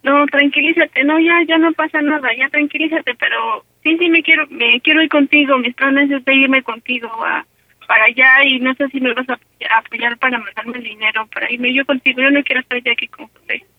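A woman's voice: high-pitched, fairly even intonation, brisk, dry recording, narrow, tinny audio. A woman making a prank call to her mother, nervous and pleading, repeating herself. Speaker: caller doing a prank call.

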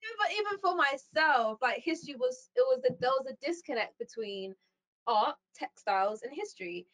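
A woman's voice: sits high, expressive, moderate pace, fairly bright tone, low-quality recording. A young woman guest speaking about her work in a thoughtful, casual way, with many ums and likes. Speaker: founder and CEO, guest. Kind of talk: casual interview chat.

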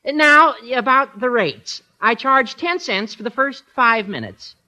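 An actor playing an eager, scheming teenage schoolboy in a 1950s radio comedy. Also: male voice, very high voice, animated, unhurried, pushed and bright, exaggerated voice.

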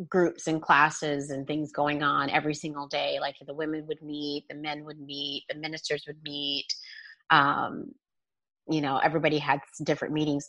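A woman giving personal testimony as an interview guest, candid and halting in conversation. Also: deep voice, a bit bright, dry recording. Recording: dull, lo-fi, close dry sound.

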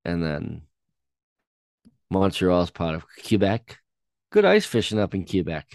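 A young man co-hosting a casual song-reaction chat, talking in a halting way with many ums and restarts. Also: deep voice, sing-song, gravelly, darkish tone, dry recording. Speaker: podcast co-host.

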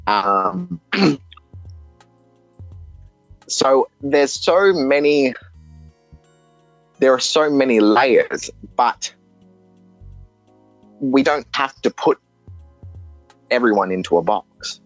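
Halting and earnest, an Australian man in his thirties shares a personal testimony, often starting sentences over. He speaks in a mid-range voice with lively intonation, with no room sound in a dull, dry recording carrying faint music.

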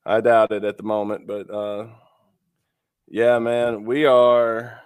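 Low-voiced and flat, this man speaks slowly while co-hosting a podcast, swearing casually and leaning on fillers. He sounds congested and sniffly from illness. The recording is clean, with no echo.

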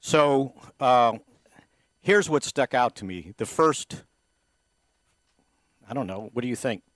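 A man's voice: mid-range voice, lively intonation, slow pace, a bit bright, no room sound. Man telling stories, many restarts. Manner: storytelling, many false starts. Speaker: podcast co-host. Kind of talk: casual sports podcast chat.

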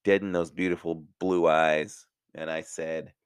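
Deep, unhurried man telling stories. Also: steady tone, smooth, no room sound, clean studio sound. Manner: chatty and self-mocking, laughs at his own jokes. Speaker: podcast host. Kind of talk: casual storytelling.

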